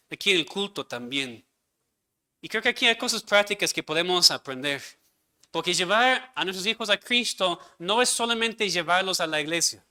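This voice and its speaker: A man's voice: high voice, sharp tone. A man preaching a sermon as pastor, earnestly putting questions to his congregation.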